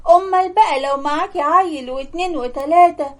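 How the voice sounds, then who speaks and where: Bossy older Egyptian mother-in-law for a cartoon story, high voice, sharp mocking scold, put on by a woman narrator. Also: a little fast. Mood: scornful.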